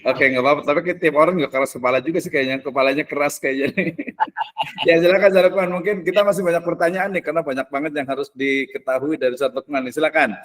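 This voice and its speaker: A man moderating a talk show, speaking in a relaxed way with many fillers and hesitations. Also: a little high, very fast, few pauses. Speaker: host, moderator.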